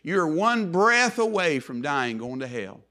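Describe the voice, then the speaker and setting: An older man preaching a sermon in church, repeating key phrases and slowing down hard on words he wants to stress. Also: a little high, very animated, bright, forceful tone. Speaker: pastor.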